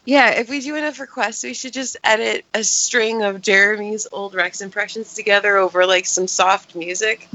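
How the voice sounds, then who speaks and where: A woman's voice: mid-range voice, fairly even intonation, normal speed, few pauses, sharp tone, dull audio. A woman co-hosting a podcast in casual, bubbly chat, often laughing. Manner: bubbly, giggly. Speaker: podcast co-host.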